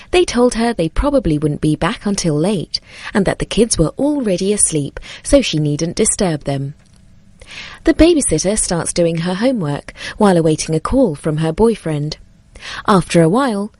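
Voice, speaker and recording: A woman narrating a scripted horror story in a measured, suspenseful way. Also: on the low side, expressive, dark tone, no echo.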